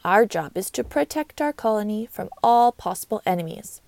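Proud worker ant, voiced by a woman, loud and brisk, a bit gravelly. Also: mid-range voice, lively intonation, dry recording. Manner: brisk and loud, matter-of-fact. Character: strong, proud female worker ant, busy and friendly.

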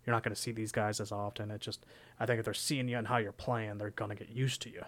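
A man's voice: on the low side, level tone, quick pace, fairly bright tone. A young man co-hosting a sports podcast, talking casually and rambling with lots of "you know". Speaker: podcast co-host.

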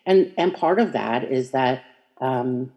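A minister giving a reflective spiritual talk, meandering and hesitant with many fillers and restarts, gentle and inviting. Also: mid-range voice, takes it slowly, lo-fi sound.

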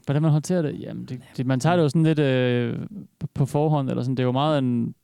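A man's voice: mid-range voice, fairly even intonation, gravelly, mellow, clear, resonant tone, no room sound. A man who is a parent, chatting casually on a podcast in a loose way with mild swearing. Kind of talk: casual chat.

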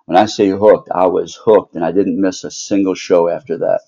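A middle-aged man with an American accent talks as a podcast guest, casually looking back on memories. His voice sits quite low, and the audio is a little dull and muffled. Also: steady tone, normal speed, creaky, warm tone. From Maryland, United States. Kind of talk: casual reminiscing.

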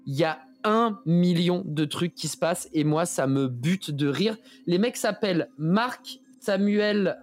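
A man co-hosting a podcast, chatting casually and enthusiastically, pleading with listeners and using a lot of slang. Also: high voice. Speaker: podcast co-host.

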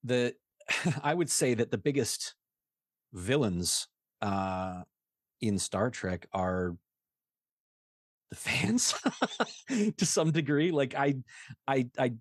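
A man's voice: mid-range voice, lively intonation, slow pace, pauses often, no echo, clean studio sound. A man from Canada talking bluntly and profanely as a podcast guest, often trailing off and restarting. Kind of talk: casual podcast chat.

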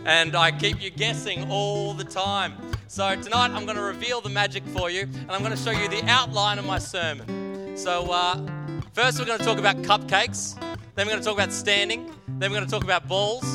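A male pastor giving a humorous sermon, telling jokey, self-deprecating stories. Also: sits high. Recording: long hall reverb, faint music.

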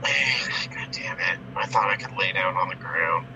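A man's voice: sits low, expressive, a little slow. A man co-hosting a casual chat over an online call, his audio warbling and bubbling as if underwater, muttering curses under his breath. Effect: garbled underwater-sounding call audio. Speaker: podcast co-host. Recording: muffled lo-fi call line, loud noise.

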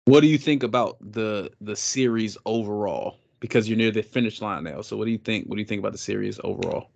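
A man co-hosting a casual podcast, talking excitably and jumping between topics. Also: fairly low pitch, quick pace, vocal fry, lo-fi sound. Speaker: podcast co-host. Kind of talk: casual chat.

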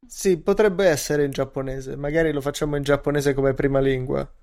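A man's voice: medium pitch, fairly even intonation, brisk, darkish tone. A man co-hosting a podcast in casual, joking chat, often repeating his phrases. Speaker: podcast co-host.

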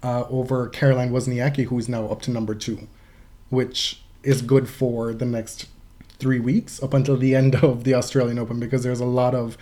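A man with a soft-edged, warm voice sits in the middle of the pitch range. He speaks as a podcast co-host, commenting on sports in a casual, conversational way. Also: little pitch movement, moderate pace.

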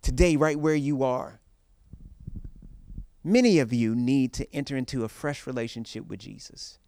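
A man's voice: medium pitch, normal speed, warm tone. A man preaching as a pastor in a rousing rally-speech style, exhorting his congregation and repeating phrases for emphasis.

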